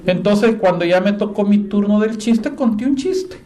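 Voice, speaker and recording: A man preaching a sermon in a conversational way, telling stories and moving between hushed and animated delivery. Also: high-pitched, normal speed. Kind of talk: sermon with storytelling.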